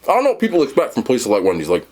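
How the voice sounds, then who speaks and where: Male food and movie reviewer. Off-the-cuff, rambling, blunt and slangy, with a highly varied pitch. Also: huge pitch swings, rapid-fire, a little mellow, slight background noise. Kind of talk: casual unscripted review chat.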